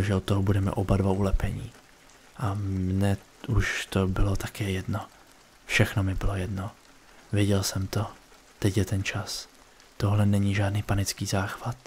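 Low, flat-voiced man narrating horror. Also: a little hiss or hum. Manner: low, flat, brooding delivery.

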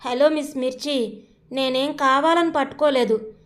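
A woman voicing a proud young man who is curt and quick to anger. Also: high-pitched. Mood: irritated. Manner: curt, irritated.

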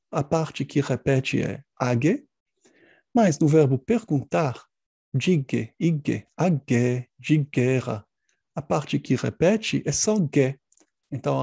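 Male researcher presenting at a conference, slow and gravelly, dry close sound, measured and explanatory. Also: fairly high pitch, mellow, no echo. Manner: measured, explanatory, frequent hesitation fillers.

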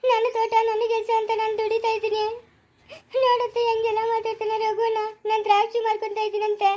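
A woman's voice: extremely high pitch, completely flat delivery, fast talker, darkish tone. A young woman, acting an orphaned village girl who pleads through tears. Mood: hurt. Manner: tearful, pleading. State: crying. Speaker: young farm worker. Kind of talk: amateur family drama acting.

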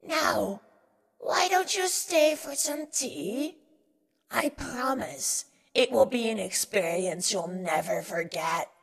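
A woman voicing a sinister old granny who coaxes a child, with a creaky, raspy voice and a slow, swooping sing-song menace. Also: mid-range voice, expressive, exaggerated voice. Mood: ominous. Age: older. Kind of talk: horror monologue acting.

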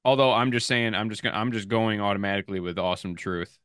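A man's voice: fairly low pitch, fast talker, fairly bright tone, clean tone, dry recording, studio quality. A man co-hosting a casual podcast chat, blunt and opinionated. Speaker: podcast co-host.

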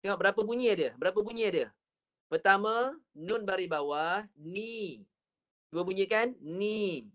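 A man with a Malaysian Malay accent teaching Quran recitation in an online class, patiently modelling each sound slowly and repeating it. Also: sits high, lively intonation, fairly bright tone. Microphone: online video call.

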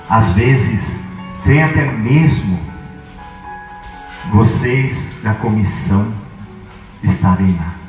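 Slow-paced priest over echoing PA. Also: male voice, fairly low pitch, darkish tone. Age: middle-aged. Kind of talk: spoken blessing and prayer at an event. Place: open-sided tent at outdoor cattle auction. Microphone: handheld microphone through PA. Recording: echoey PA system, distant, faint music.

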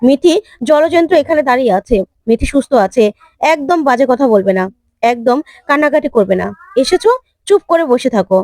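An anxious mother who soothes, apologises and scolds, as a woman narrator voices her. The voice is high and dry, near the woman's own. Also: expressive, fairly quick, a little mellow, no echo. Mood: scolding.

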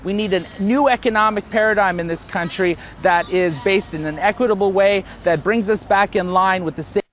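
A man's voice: high voice, normal speed, fairly bright tone, a little hiss or hum. A man in his thirties, a protest organizer, speaking passionately and fluently with some fillers in a live outdoor news interview.

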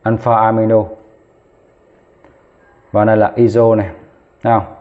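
A man's voice: fairly low pitch, level tone, moderate pace. A man teaching chemistry, talking as he writes, counting aloud and correcting himself along the way. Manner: talks while writing, counts aloud, corrects himself mid-step. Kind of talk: lesson at a whiteboard. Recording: tinny phone-like audio.

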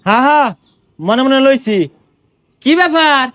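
A man's voice: very high-pitched, lively intonation, normal speed, a bit bright, dry recording. A man with a playing a bossy, teasing village elder in a comedy sketch. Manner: teasing, bossy, breaks into folk songs. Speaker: comic village elder character. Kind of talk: rustic comedy sketch in dialect.

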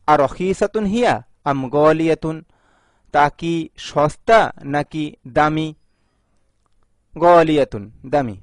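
Slow, methodical man teaching a lesson. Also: a little high, no room sound. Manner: reads Arabic phrases slowly, then translates each; repeats phrases for drill. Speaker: Arabic teacher. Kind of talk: explanatory grammar lesson.

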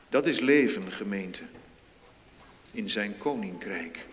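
A male pastor preaching a sermon in a church, slow and deliberate, with sudden emphatic rises in pitch and volume. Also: sharp tone. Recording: long church reverb, faint noise.

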